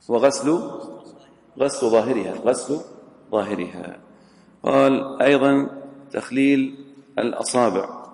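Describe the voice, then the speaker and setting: A man's voice: medium pitch, vocal fry, a little mellow. A man giving a religious lesson, reading a text aloud, then explaining it and quizzing his students. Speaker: religious teacher. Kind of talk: classroom lesson on a legal text. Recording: roomy hall with long echo.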